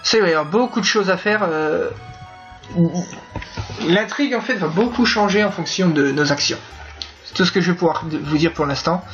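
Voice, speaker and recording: A player hosting a video game playthrough, commenting casually in a relaxed, halting way with many fillers and asides. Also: mid-range voice. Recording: dull lo-fi with faint game music.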